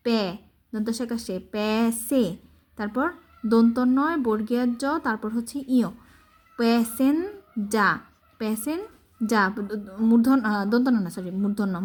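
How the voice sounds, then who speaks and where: A woman's voice: on the high side, a little mellow. Patient woman spelling words aloud. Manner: patient, slow, breaks words into letters and syllables. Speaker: reading teacher. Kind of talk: reading lesson, spelling out words.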